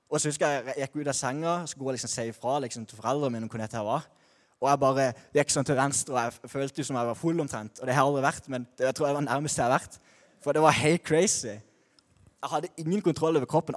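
Young man, mid-pitched, candid faith testimony, slangy and halting, long reverb. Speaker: speaker sharing a personal faith testimony. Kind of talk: personal testimony talk.

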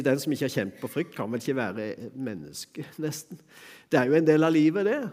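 A man's voice: a little high, big-room sound. A middle-aged man preaching a sermon in a church, talking in a conversational way with fillers and small chuckles.

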